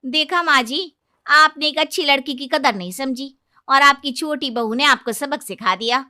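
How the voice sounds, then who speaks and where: A woman's voice: high voice, moderate pace, bright, forceful tone, voice pushed up. A woman voicing a gossipy, mocking female housemaid in a storybook cartoon.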